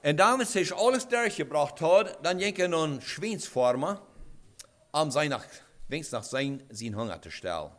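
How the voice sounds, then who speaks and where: Animated preacher. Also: male voice, fairly high pitch. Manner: halting, with many restarts and rhetorical questions. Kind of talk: sermon.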